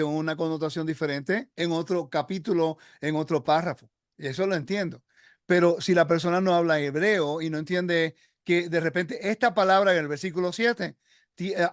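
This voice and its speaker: A man's voice: on the high side, dry recording, clean studio sound. A man hosting a religious discussion, talking earnestly and emphatically with many fillers and restarts.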